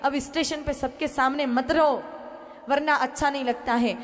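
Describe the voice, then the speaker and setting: A woman's voice: high-pitched, steady tone, measured pace. A woman acting out a hesitant, dutiful wife who worries about her husband's meals, in a sermon story. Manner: hesitant, doubting. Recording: reverberant hall.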